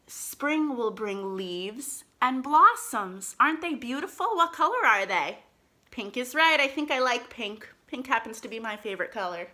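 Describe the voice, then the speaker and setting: With a voice on the high side and slight background noise, a woman hosting storytime reads to young kids in an expressive, sing-song way. She addresses them directly, asking questions and encouraging them.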